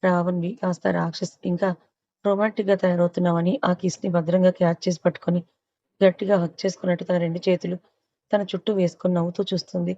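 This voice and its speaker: A woman narrating a romance novel aloud in a steady storytelling manner. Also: on the low side, quick pace, dry recording, dull audio. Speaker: audiobook narrator.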